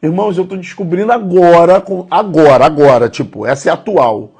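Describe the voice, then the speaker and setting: A man's voice: fairly high pitch, a little fast, darkish tone, husky. A man in his thirties giving a conversational, earnest devotional sermon, speaking directly to his listeners. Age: 30s. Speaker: preacher.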